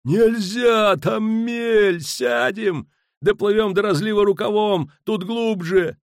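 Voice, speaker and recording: A man voicing a panicking middle-aged ship's skipper who yells frantic orders. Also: sits high, slow pace, dry recording, studio quality, pitched above the performer's own voice. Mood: shouting.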